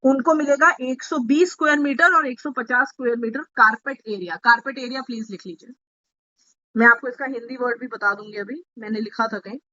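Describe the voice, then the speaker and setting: Woman explaining stuff on a video call to party members, highish bright voice, kinda muffled lo-fi sound. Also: brisk. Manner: explanatory, asks listeners to take notes, mixes English terms. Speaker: party speaker addressing women members. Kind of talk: online meeting talk explaining a housing scheme.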